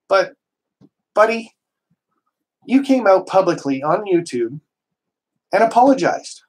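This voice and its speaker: A man from Canada hosting a casual live stream, talking in a slightly high voice. He gets worked up and emphatic, rambling through restarts and dropping the odd mild swear word. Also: low-quality recording.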